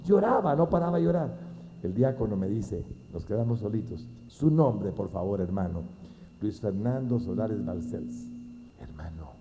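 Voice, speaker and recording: A man giving a testimony as a preacher, swinging between hushed and loud emotional speech. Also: lowish voice, expressive, normal speed, a little hiss or hum. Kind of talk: sermon testimony. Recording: dull lo-fi recording.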